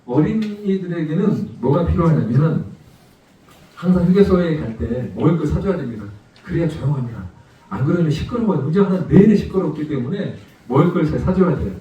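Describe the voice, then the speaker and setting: A man preaches to a congregation, his high, soft-edged voice heard from well back in the sanctuary. The church hall rings with heavy echo. He moves through a personal story and keeps asking his listeners rhetorical questions. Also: expressive, a little fast, dull audio. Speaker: missionary guest preacher. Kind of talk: sermon. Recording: echoey church hall from far off.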